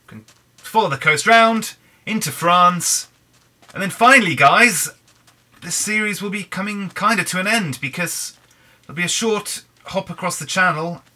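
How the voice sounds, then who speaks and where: Hoarse British man rambling over gameplay. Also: fairly high pitch, pushed and bright. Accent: British English. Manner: rambling, chatty, frequent restarts. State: hoarse, croaky throat. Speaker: Minecraft let's player. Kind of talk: casual gameplay commentary.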